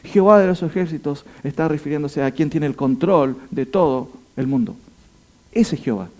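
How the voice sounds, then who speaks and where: Guy teaching a bible study, high voice but mellow, keeps firing questions at the room. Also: moderate pace. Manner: asks the listeners rhetorical questions; emphatic, rising to stress points.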